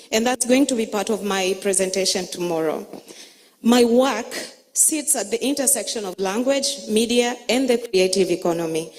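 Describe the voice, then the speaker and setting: A woman from Tanzania opens a conference as its emcee, speaking in a measured, emphatic cadence. She lingers on each item as she lists it. Her mid-pitched voice carries a long reverb from the hall around her. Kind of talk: opening conference address.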